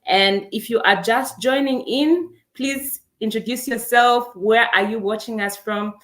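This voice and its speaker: With a fairly high, fairly bright voice and a measured pace, a young woman from Zambia welcomes people to her online career event. She's running the webinar live on video, cheerfully calling out attendees' names from the chat.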